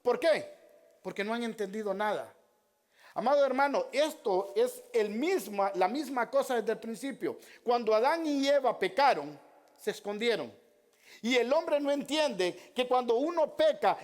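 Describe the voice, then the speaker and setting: High-voiced male pastor preaching. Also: lively intonation, normal speed. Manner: repeats Bible references and addresses listeners as beloved brothers; asks the congregation rhetorical questions. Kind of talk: sermon.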